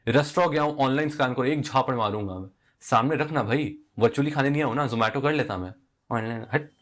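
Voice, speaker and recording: A young man telling a story from his day in casual chat, acting out both sides of the dialogue. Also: brisk. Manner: animated, acts out dialogue with rising pitch. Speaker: vlogger.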